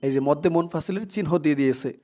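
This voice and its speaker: A man teaching Quran recitation, spelling out syllables and chanting verses slowly for learners to repeat. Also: on the high side, dark tone. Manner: slow, drawn-out chanting of verses between quick explanations. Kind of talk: tajweed lesson, spelling out and reciting.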